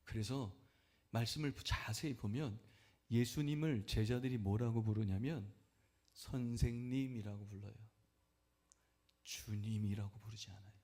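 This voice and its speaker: A male pastor preaching a sermon to his church, often asking the congregation questions and answering them himself, and rising to loud, high-pitched exhortation. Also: a little slow, long pauses. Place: church sanctuary.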